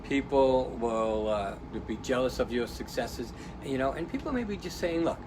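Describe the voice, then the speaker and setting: A man's voice: mid-range voice, expressive, normal speed, noisy background. A man giving a casual motivational talk, rambling and tough-talking, often checking in with "right?". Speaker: motivational speaker.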